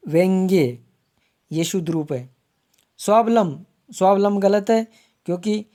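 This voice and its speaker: A man teaching Hindi grammar for exams, repeating each word slowly to spell it out and calling viewers his friends. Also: high-pitched, dark tone. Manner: slow, repeats words to spell them out. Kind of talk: exam-prep lesson.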